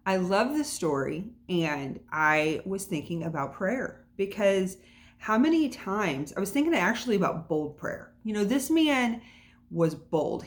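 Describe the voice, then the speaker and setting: Woman, podcast host, casual devotional talk, chatty, encouraging, mid pitch, recorded at home. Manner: chatty and encouraging, many fillers. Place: at home by an open window.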